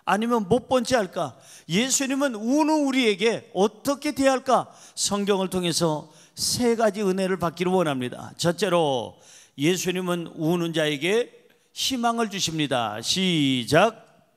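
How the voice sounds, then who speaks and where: A man's voice: high voice, expressive, a little slow. A man preaching a sermon as pastor, emphatic and repetitive, calling on the congregation to respond.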